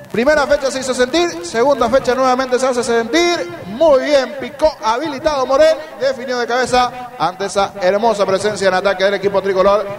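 A Paraguayan man gives live football analysis in a high-pitched voice. He describes the play emphatically and returns to his key points. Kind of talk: live match commentary.

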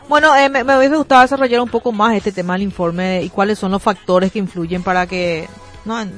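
Chatty Paraguayan woman radio host. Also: mid-range voice. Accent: Paraguayan Spanish. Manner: chatty, reads listener messages aloud. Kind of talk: casual radio talk. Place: radio studio.

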